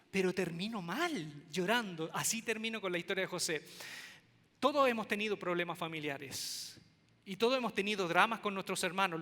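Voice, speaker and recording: A Mexican-accented pastor preaches with a high, bright voice, animated and full of jokes. He tells stories to his congregation. The sound carries the long reverb of a large church hall. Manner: animated, joking storyteller. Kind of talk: sermon. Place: church auditorium.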